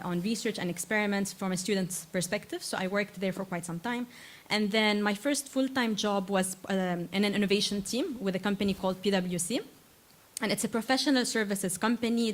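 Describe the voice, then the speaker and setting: A woman in her thirties from Lebanon, giving a conference talk to students and filling her speech with uh and um as she restarts phrases. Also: mid-range voice. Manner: frequent uh and um fillers, self-correcting restarts. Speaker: invited tech speaker.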